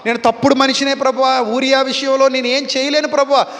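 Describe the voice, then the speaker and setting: A man's voice: extremely high pitch, little pitch movement, fast talker, fairly bright tone, pitched above the performer's own voice. A man preaching who voices a remorseful king weeping out his confession in short, repeated pleading cries. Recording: long hall reverb.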